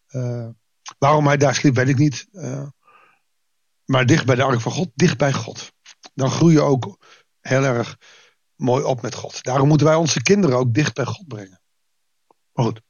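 A man's voice: medium pitch, normal speed, gravelly, long pauses, a little mellow, no echo, highs cut off. A man giving a devotional Bible reading, reading the verses and breaking off into conversational asides with frequent restarts. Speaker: preacher.

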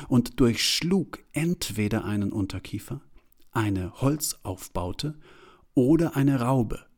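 Low-voiced man narrating a novel. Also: a little mellow. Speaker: audiobook narrator. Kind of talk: literary audiobook narration.

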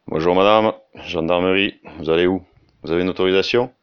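A man's voice: low voice, fairly quick, clear, resonant tone, dull audio, voice pushed down, close to an everyday voice. A man voicing a chatty male gendarme at a checkpoint, speaking with a southern French accent in a folksy, singsong way.

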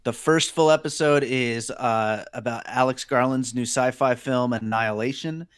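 A man co-hosting a podcast in casual chat, laughing easily and pausing on fillers. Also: medium pitch, steady tone, clear, resonant tone. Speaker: podcast co-host.

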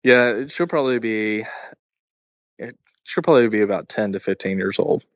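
A man's voice: on the low side, normal speed, no room sound, lo-fi sound. A man co-hosting a podcast, chatting casually and telling long anecdotes. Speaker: podcast co-host.

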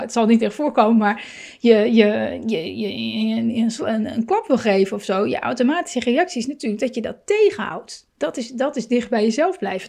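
A woman with a slightly high voice gives calm parenting advice. She talks gently and thinks aloud, with frequent fillers and restarts and an occasional soft laugh. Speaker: parenting coach.

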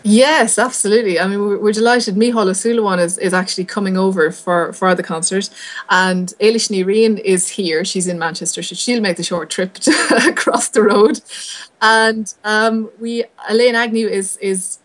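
A woman's voice: mid-range voice, steady tone, moderate pace. A woman with a west of Ireland accent answering interview questions conversationally as a conductor, thinking aloud with enthusiasm. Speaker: orchestral conductor being interviewed.

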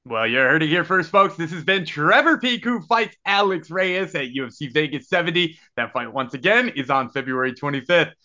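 A man with a bright, forceful voice pitched a bit high hosts a casual sports show. The sound is slightly dull and lo-fi. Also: animated, normal speed, few pauses. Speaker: sports podcast host and interviewer.

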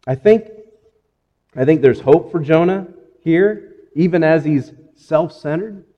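A man's voice: a little high, slow pace, long reverb tail, dull audio. A man preaching a sermon with earnest emphasis, repeating phrases and acting out the quotes he reads. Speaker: pastor.

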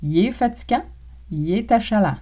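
A woman with a Québécois accent hosting a language podcast, reading a scripted lesson and slowly modelling phrases for learners to repeat. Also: mid-range voice, lively intonation, dark tone, dull audio. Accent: Québécois French. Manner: clear, slow model pronunciations for learners to repeat. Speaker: podcast host teaching Quebec French.

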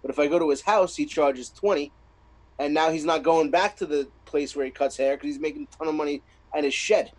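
Male podcast co-host, a touch high-pitched, loose rambling storyteller who laughs a lot. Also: a little fast, rough recording. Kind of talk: casual banter on a comedy podcast. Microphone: remote call.

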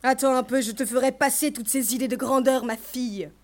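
A woman's voice: steady tone, a little fast, darkish tone, natural voice. A woman voicing a harsh, bad-tempered middle-aged mother who mocks and scolds her daughter in a storybook reading. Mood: furious. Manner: shrill, mocking and scolding.

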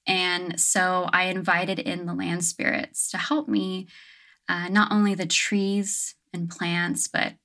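A young adult woman speaks slowly in a fairly low, level voice that sounds pushed and bright. As a casual interview guest at her island home, she is thoughtful and uses many fillers such as "um" and "like."

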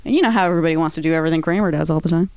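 A woman's voice: low-pitched, racing, a little mellow, smooth, no echo. A woman co-hosting a casual podcast chat, teasing her partner and swearing freely. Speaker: podcast co-host.

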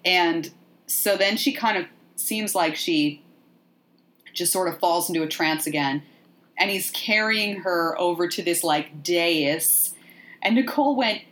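Woman podcast host, animated and joking, casual movie recap. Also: on the low side, slow.

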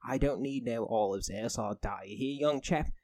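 A man's voice: medium pitch, no room sound, natural voice. A man playing a rude, pompous big-city mayor in a put-on British accent, bullying and insulting in improvised comedy. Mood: haughty. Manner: bullying, insulting, drawn-out shouting. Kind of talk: improvised comedy role-play.

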